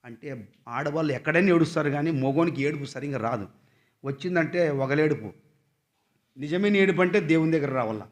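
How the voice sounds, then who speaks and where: A man preaching a Sunday sermon, reading scripture slowly and questioning the congregation, swinging from loud emphatic passages to quiet asides. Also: a little high. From Andhra Pradesh, India.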